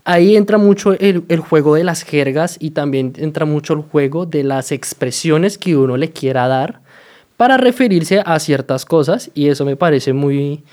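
Speaking in a fairly high, slightly mellow voice, this man from Colombia explains common slang to his audience in his native Colombian Spanish accent. He's unhurried and conversational, full of fillers and little "¿sí?" check-ins.

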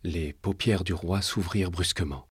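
A man narrating a historical novel in a measured, dramatic storytelling manner. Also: sits low, a little mellow, slightly rough, no echo, clean studio sound.

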